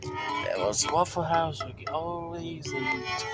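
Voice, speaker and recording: A man's voice: on the high side, animated, slow pace. A man riding in a car, answering in short, plain replies. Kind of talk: casual chat while driving. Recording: loud music over the talk.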